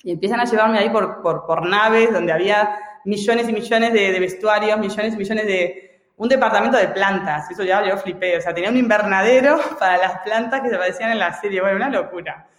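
High-voiced Spanish man in an echoey room. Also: a little fast. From Spain. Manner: animated, many restarts and fillers. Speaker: guest. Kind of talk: casual storytelling in an interview.

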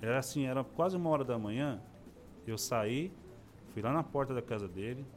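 Soft background music plays as a man in his forties, the guest in an interview, tells his personal testimony conversationally. His voice is mid-range at a normal speed, and he acts out the voices of anyone he quotes.

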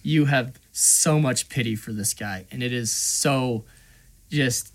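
A man's voice: mid-range voice, takes it slowly. A man on a podcast, retelling a video game quest in casual chat, acting out voices and filling his talk with "like" and "you know". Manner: animated storyteller, acts out voices, many fillers. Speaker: podcast co-host.

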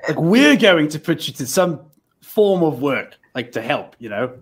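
Halting, wordy man in a game. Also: on the high side, big pitch swings, breathy edge. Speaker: tabletop game player. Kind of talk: casual improvised role-play.

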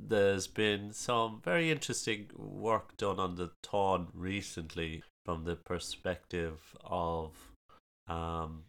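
Deep-voiced lilting Irish storyteller man from Kerry. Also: vocal fry, fairly bright tone. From County Kerry, Ireland. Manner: lilting, musical way of speaking. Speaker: storyteller, podcast guest. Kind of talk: casual chat, storytelling.

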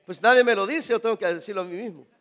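A man preaching a sermon to his congregation, animated, questioning them directly and breaking into shouts. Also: high-pitched, very fast, some chatter behind. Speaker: pastor.

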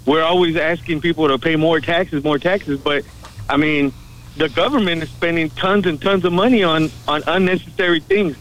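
Man on a phone line, somewhat high voice, rambling call-in talk, lots of you-knows. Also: steady tone, moderate pace, fairly bright tone. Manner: rambling, filler-heavy, earnest. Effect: heard over a phone line. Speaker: caller to a radio show. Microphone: telephone.

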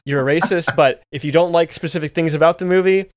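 A man's voice: fairly high pitch, quick pace, no echo, clean studio sound. A man co-hosting a movie review podcast, speaking with enthusiasm through many fillers and restarts. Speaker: podcast co-host. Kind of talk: casual movie review chat.

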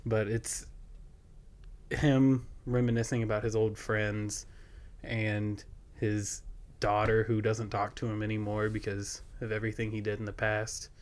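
A man's voice: fairly low pitch, little pitch movement, measured pace. A young man hosting a podcast in casual chat, rambling with lots of fillers and laughing often. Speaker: podcast host.

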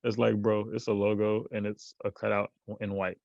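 A man's voice: on the low side, little pitch movement, brisk, creaky, a little mellow, no room sound. Man, podcast guest, casual rambling chat, lots of fillers, laughs, dull lo-fi remote audio. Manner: rambling, full of fillers and restarts, laughs often. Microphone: remote recording.

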